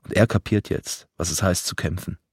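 A man's voice: low voice, fairly even intonation, normal speed, breathy edge, no echo, clean studio sound. A man voicing a hardened old grandfather who grumbles blunt, cynical words. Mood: gruff. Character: gruff hardened old grandfather, army veteran.

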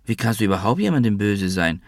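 A man voicing a dozy, timid woman in a spoken story, talking softly and breathily. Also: on the low side, very animated, fast talker, dry recording, clean studio sound. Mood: meek. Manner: soft, breathy.

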